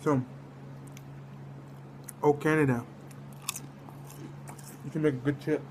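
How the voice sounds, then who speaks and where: A man's voice: on the high side, steady tone, slow pace, darkish tone, a little hiss or hum. A man from the United States giving a casual, rambling food review, often trailing off mid-thought. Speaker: snack reviewer.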